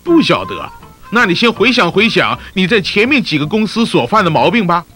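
High-pitched, animated male mentor, Taiwanese Mandarin. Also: brisk, over music. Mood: coaching. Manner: chatty, sarcastic, exclamatory. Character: teasing, scolding male narrator-mentor coaching a newcomer. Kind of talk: comic instructional narration.

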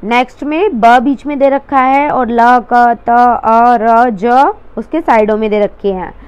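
A woman's voice: a little high, takes it slowly, clear, resonant tone, highs cut off. A woman teacher explaining a worksheet to children step by step, patiently repeating each word.

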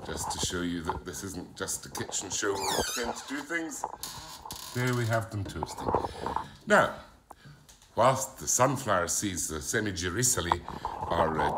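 A man with a voice on the low side plays a chatty middle-aged guy with a blended Yorkshire-Glaswegian accent in a comedic monologue. While shooting a cooking video in his home kitchen, the character wanders off into stories and gossip, and the background is noisy.

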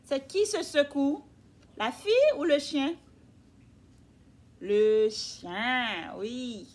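A female teacher reads a picture book aloud to young children, patiently asking them questions. Her voice is high and she draws out her words.

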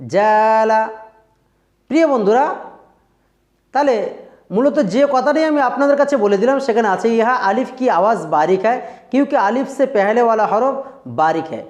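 A Quran recitation teacher giving a tajweed pronunciation lesson, explaining slowly and drawing out recited words to demonstrate them. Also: medium pitch, darkish tone. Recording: roomy, dull lo-fi recording.

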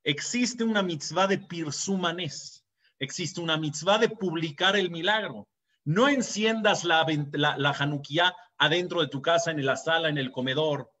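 Earnest Mexican rabbi preaching, higher voice. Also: male voice, sharp tone. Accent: Mexican Spanish. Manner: earnest and storytelling, with dramatic raised quotes. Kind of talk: sermon. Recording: dull lo-fi recording.

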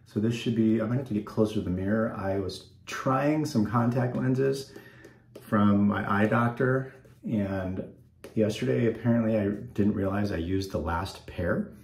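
Shaving on camera in his small home bathroom, a man in his forties who runs a wet shaving channel rambles along with lots of ums, easygoing and a bit congested. His voice is lowish, gravelly, a little mellow, and unhurried, and the bathroom echoes.

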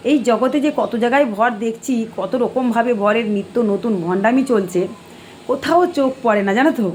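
Middle-aged woman, live-stream host, admonishing and sermonizing, slightly high pitch, faint noise behind. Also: brisk, a little mellow. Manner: preachy, admonishing. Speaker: live-stream host answering viewer comments. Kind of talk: casual live-stream chat.

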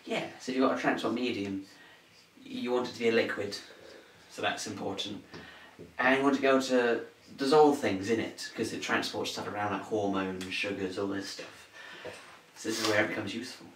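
A man's voice: fairly low pitch, fairly even intonation, fairly quick, a bit bright. Chatty young man tutoring, echoey room. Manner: chatty, jokey explaining. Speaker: revision video co-host. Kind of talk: casual tutoring chat. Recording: echoey room, mic far off, faint hiss.

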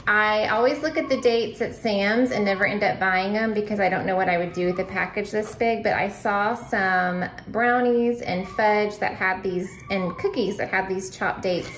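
A woman in her thirties talks through a grocery haul at home in a loose, chatty way, full of small asides. She sounds a little out of breath, at a middle pitch. A faint hum of room noise sits behind her. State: slightly out of breath. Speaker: vlogger. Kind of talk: casual grocery haul vlog.

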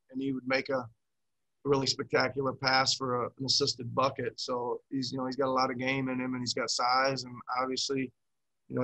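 Poor audio carries the medium-pitched, pushed, bright voice of a middle-aged basketball head coach at a post-game press conference. He's on a video call via webcam from a small room in front of a team backdrop. His answers wander, with repeated words and restarted sentences.

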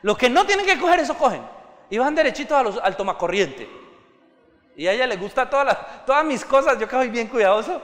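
Fervent pastor, bright high voice. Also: male voice, big pitch swings, fairly quick. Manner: impassioned preaching that climbs to fervent exclamations; acts out everyday scenes and quoted voices. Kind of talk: sermon. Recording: reverberant hall.

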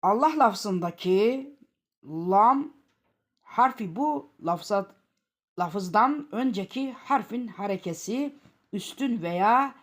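A woman with a Turkish accent teaching Quran reading. She repeats each example word slowly and loudly, then explains it more quietly. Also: medium pitch. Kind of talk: slow step-by-step recitation lesson.

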